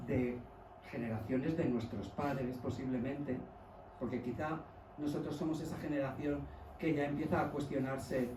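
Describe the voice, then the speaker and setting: Mellow-voiced man from Mallorca. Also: fairly high pitch, roomy sound, distant mic, slight background noise, poor audio. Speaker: journalist guest. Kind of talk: book presentation talk.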